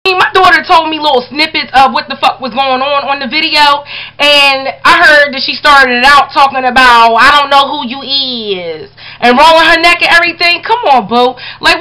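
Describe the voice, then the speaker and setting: A woman's voice: high voice, normal speed, pushed and bright, poor audio. A middle-aged woman, a mother, ranting to the camera in an angry, profane, confrontational way. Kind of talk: casual vlog rant.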